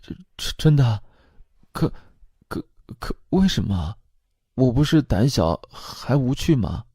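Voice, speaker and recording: A man's voice: very animated, slow, mellow, breathy edge, no echo, studio quality, exaggerated voice. A man voicing an anxious grown woman who begs her family for love, pleading and tearful. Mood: needy. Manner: pleading, tearful, high-pitched.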